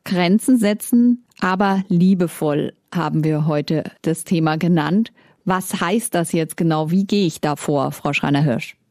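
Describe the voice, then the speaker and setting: A woman hosts a radio interview and asks measured, curious questions. Her voice is low and mellow, and the studio sound is close and dry. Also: dry recording. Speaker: radio host.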